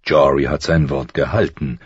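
A man playing a grave noble father who speaks slowly and softly to his daughter. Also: very deep voice, steady tone, slightly rough, no room sound, highs cut off, full character voice. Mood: gentle. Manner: slow, soft, murmuring.

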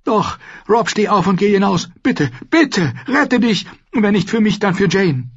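A man's voice: high-pitched, very animated, unhurried, slightly rough, muffled recording, pitched above the performer's own voice, heavily acted. A man doing a desperate pleading noblewoman. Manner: pleading, urgent, raised. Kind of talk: audiobook character voice.

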